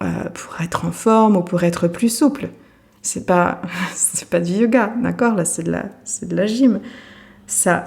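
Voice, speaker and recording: A woman yoga teacher hosting her podcast, speaking gently and thoughtfully with frequent hesitations and soft laughs. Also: fairly low pitch, creaky. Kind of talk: reflective podcast monologue.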